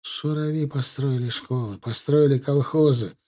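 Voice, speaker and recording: Man voicing a beaten young man, quiet, strained, defiant, audiobook. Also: mid-range voice, steady tone, normal speed, lightly acted. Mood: weak defiance. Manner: weak, quiet, effortful speech.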